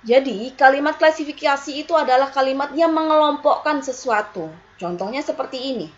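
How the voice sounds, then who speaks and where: A woman's voice: high-pitched, fairly quick, muffled recording. A woman teaching a school language lesson, explaining to her students and asking them questions as she goes. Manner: lively, with rising questions and repeated "ya".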